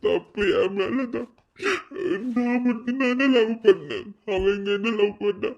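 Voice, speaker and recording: A man's voice: sits high, creaky, lo-fi sound, full character voice. A man voicing a wailing, heartbroken young lover. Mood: self-pitying. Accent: Madurai Tamil. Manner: wailing self-pity, drawn-out laments. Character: heartbroken young man drinking away his sorrow. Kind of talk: cartoon voice acting.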